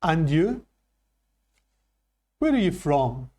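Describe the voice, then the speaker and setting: A Scottish man teaching English phrases at a slow, deliberate pace. His voice is mellow and sits a little high. He explains each point carefully to his class. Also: sing-song. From Scotland. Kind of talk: classroom lesson.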